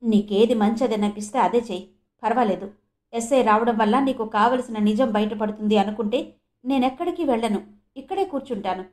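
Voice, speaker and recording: A woman's voice: fairly high pitch, fairly quick, darkish tone, close to an everyday voice. A woman voicing an evasive middle-aged male doctor who answers defensively in a storybook reading.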